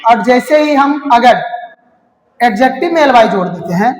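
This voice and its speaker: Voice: medium pitch, expressive, normal speed, slight background noise. A grammar teacher, giving an exam-prep lesson and repeating each key term as a question and its answer. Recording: long hall reverb.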